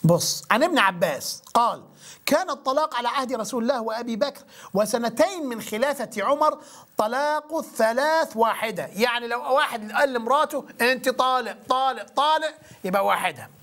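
Egyptian male host, high and fast, stubborn, cuts in again and again in a heated phone-in debate. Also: lively intonation, a bit bright. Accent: Egyptian Arabic. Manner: insistent, keeps cutting in and repeating himself. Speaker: call-in show host.

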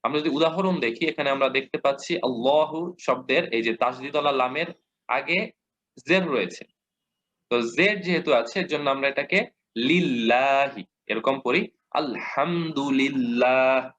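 A man with a Bangladeshi Bengali accent teaching a lesson, patiently repeating examples and modeling slow recitation. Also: medium pitch, fairly bright tone. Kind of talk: explanatory lesson. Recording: dull lo-fi audio.

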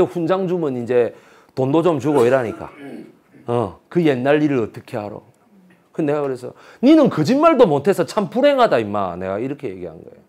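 A man with a Busan Gyeongsang accent giving a history lecture as a story, acting out the voices of the people he quotes. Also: mid-range voice. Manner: animated, acts out quoted voices.

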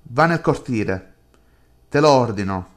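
A man's voice: mid-range voice, lively intonation, a little slow, close to an everyday voice. A man reading the lines of a controlling, possessive unseen entity that coaxes and gives orders in a chat horror game. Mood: coaxing, commanding.

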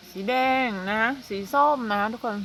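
Bright-voiced chatty woman vlogger. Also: a little hiss or hum. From Thailand. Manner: chatty and unhurried, with frequent soft hums and polite particles. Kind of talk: casual chat to camera.

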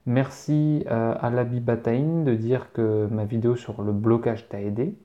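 A man's voice: mid-range voice, steady tone, unhurried, muffled recording. A man teaching French, reading out viewer questions and answering them casually, spelling words out letter by letter. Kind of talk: casual live Q&A.

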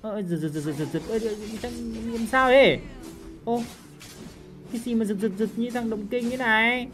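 Woman yelling along to her match, game music going behind her. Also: on the high side, normal speed. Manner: excitable, full of loud exclamations and repeated cries. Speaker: game streamer. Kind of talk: live gameplay commentary. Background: game music and sound effects.

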